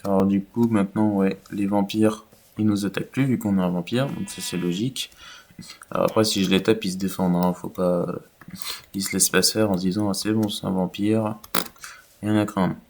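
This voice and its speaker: A man's voice: low voice, flat delivery, a little fast. A man giving casual, rambling commentary over his own video game play, with many fillers. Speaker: gaming YouTuber.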